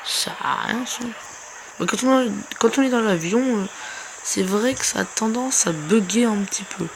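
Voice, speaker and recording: A woman's voice: a little high, normal speed, noisy background. A woman hosting a gaming video in casual commentary, chatty and rambling, often repeating herself. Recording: music playing behind the voice.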